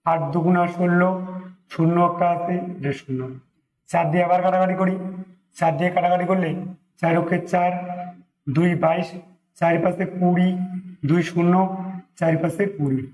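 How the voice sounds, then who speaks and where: A man's voice: sits high, darkish tone, slight background noise. Man teaching a maths lesson in an echoey room. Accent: Bengali. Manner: talks through sums step by step, mixing in English numbers. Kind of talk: exam-prep maths lesson, working problems aloud.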